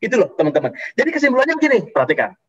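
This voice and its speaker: A man preaching an online youth sermon in a lively, conversational way, repeating his key points. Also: very high-pitched, racing, breathy edge, highs cut off. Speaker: youth pastor.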